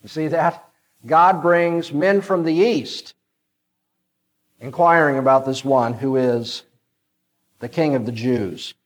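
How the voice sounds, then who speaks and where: A man preaching a sermon and reading scripture aloud, measured and emphatic, dropping to a hushed tone on key phrases. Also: a little high, poor audio.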